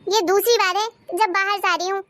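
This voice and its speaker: A young aunt from a cartoon story, newly married into the family, voiced by a woman. She talks in a sharp-tongued, complaining way. Her voice is high. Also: fairly even intonation, brisk, dry recording, clean studio sound. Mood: resentful. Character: young aunt, new bride, turns resentful and harsh. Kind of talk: cartoon voice acting.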